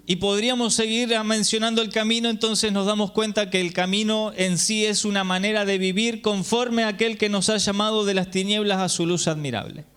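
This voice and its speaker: A man's voice: sits high, a bit bright, clear, resonant tone. A man preaching to a congregation, explaining patiently and checking in with listeners through rhetorical questions. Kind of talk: sermon teaching. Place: congregation gathering.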